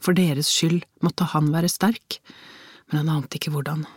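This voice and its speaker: A reader narrating a crime novel as an audiobook, in measured storytelling with tense inner questions. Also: mid-range voice, fairly even intonation, husky, no room sound, studio quality.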